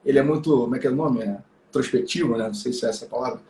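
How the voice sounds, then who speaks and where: A man's voice: mid-range voice, racing, dark tone, slight background noise. Rambly guy chatting on a live stream, lots of fillers, voice bouncing around a roomy space. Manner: rambling, many fillers and tag questions. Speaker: live stream co-host, law professor. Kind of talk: casual chat. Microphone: live stream call mic. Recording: echoey room.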